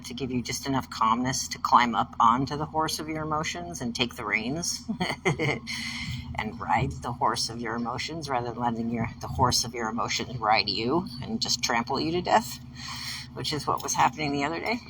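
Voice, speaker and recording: A woman's voice: rumbling low, normal speed. Rambling woman talking from a moving car. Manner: meandering, chuckles between thoughts, many fillers. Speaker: podcast host. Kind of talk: rambling personal monologue. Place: inside a moving vehicle on a road trip. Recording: distant mic with road noise. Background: vehicle road noise.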